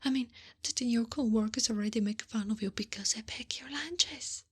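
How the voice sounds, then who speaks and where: Here the Italian ASMR performer, playing a fussing, teasing wife who bosses and mothers her husband, sounds earnest and concerned. She whispers softly at times, using sweet pet names and mild scolding, her husky voice a little high and at a normal speed.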